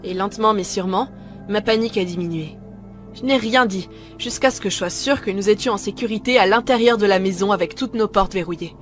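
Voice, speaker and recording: A woman narrating a first-person horror story in a calm, measured way, scripted. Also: medium pitch, faint music behind.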